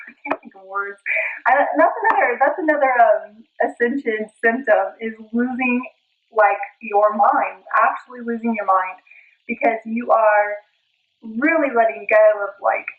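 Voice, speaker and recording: A woman in her thirties talking casually to camera in a halting way, in short trailing phrases, as in a spiritual vlog recorded at home. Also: mid-range voice, narrow, tinny audio. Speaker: spiritual video blogger. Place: indoor room at home.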